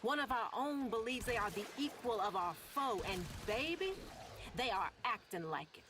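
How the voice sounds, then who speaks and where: A woman's voice: fairly high pitch, lively intonation, moderate pace, lightly acted. A woman voicing a sly, theatrical female game announcer who purrs and teases the players. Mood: teasing. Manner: purring, teasing address to the players. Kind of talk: game character dialogue. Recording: game audio under gunfire noise. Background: gunfire and game ambience.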